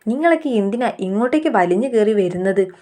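A woman's voice: medium pitch, animated, a little fast, mellow, lightly acted. A Malayali woman reading out the lines of a haughty, rich middle-aged mother-in-law who sneers at poor people. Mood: scornful.

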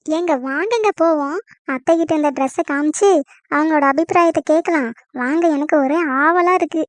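A woman's voice: sits high, a little fast, dry recording, lightly acted. A woman voicing a scheming young wife in a cartoon comedy, plotting in sly asides and putting on tearful complaints. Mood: sweet. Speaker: daughter-in-law.

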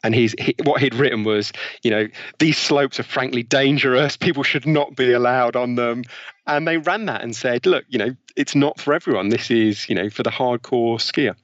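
A British man, an author on behavioral science, is an interview guest explaining his ideas conversationally and illustrating them with examples. His mid-range voice moves at a moderate pace, and the lo-fi recording sounds slightly dull with no echo.

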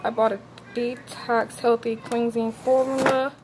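A woman's voice: a little high, flat delivery, a little slow, background noise. A young woman vlogger casually walking through her grocery haul in her kitchen, chatting to viewers with fillers and "y'all", filmed on a handheld phone. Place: home kitchen, indoors.

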